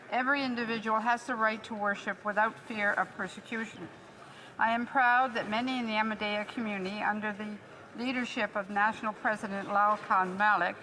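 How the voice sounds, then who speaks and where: A woman's voice: mid-range voice, pushed and bright, low-quality recording. A woman reading a formal, prepared statement as a member of parliament. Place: indoor legislative chamber. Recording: some chamber noise behind.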